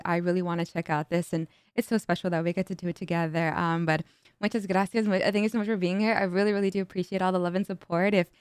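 A young Spanish-speaking woman from the United States, born to Mexican parents, reacts to music as a streamer in a bubbly, casual way, moving between English and Spanish. Her voice is lowish and smooth, and the recording is dry. She speaks into a studio mic on a boom arm with headphones on in her home streaming room.

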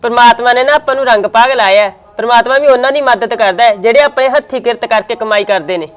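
A woman's voice: a little high, fast talker, lightly acted. A performer playing a kind farm wife who comforts her sister-in-law. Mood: agreeable. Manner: warm-hearted, comforting.

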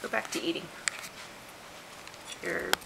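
A woman's voice: slow, heavy background noise. A young woman chatting to her pet parrots in sing-song baby talk, some lines half whispered, in a home video. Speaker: parrot owner filming her birds. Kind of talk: casual chat with pet birds. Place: home room with birds. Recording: home video with bird chirps behind.

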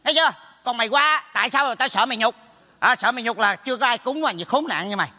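A man's voice: very high-pitched, animated, sharp tone, heavily acted. A man playing a meddling neighbor in a stage comedy sketch, brash and teasing. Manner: brash, teasing, rapid scolding. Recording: stage hall with long reverb.

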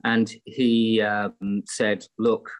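Speaking through a laptop webcam from indoors at home in Greece, this English guest musician in middle age keeps his fairly low voice level, drawing out his words with little pitch movement. The casual interview chat finds him reflective and rambling, often restarting and using fillers.

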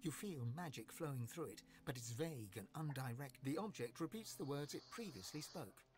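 A man narrating a fantasy game as a grave, mysterious storyteller, measured and expressive. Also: mid-range voice, a little hiss or hum, natural voice.

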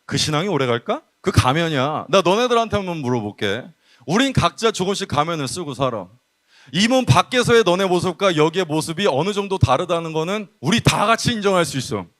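생기 넘치는 남성 설교자, 높은 목소리. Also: male voice, fairly high pitch, a little fast. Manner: lively casual storytelling, acting out people. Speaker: pastor. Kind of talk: youth sermon with storytelling.

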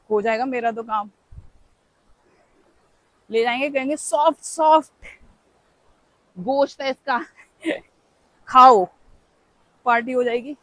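On a forest trail, a young travel vlogger talks chattily and playfully into the phone she holds, exclaiming as she hikes. Her voice is high-pitched, and the rough recording has no room sound.

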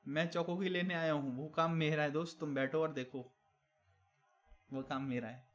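Young man, game streamer, slightly high voice, teasing chat banter, English catchphrases mixed in. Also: steady tone, normal speed. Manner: teasing banter while reading chat aloud; mixes English catchphrases into Hindi. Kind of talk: casual live-stream chat.

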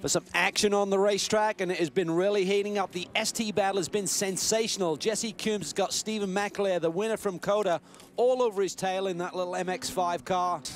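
A man doing excited play-by-play motorsport commentary, calling the action briskly. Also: a little hiss or hum. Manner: brisk, excited calls that rise in pitch at key moments. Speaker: lead race commentator.

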